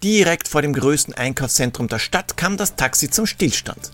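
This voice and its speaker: A man's voice: on the high side, lively intonation, moderate pace, a bit bright. Wry male storyteller. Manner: wry, sarcastic asides. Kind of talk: scripted narration.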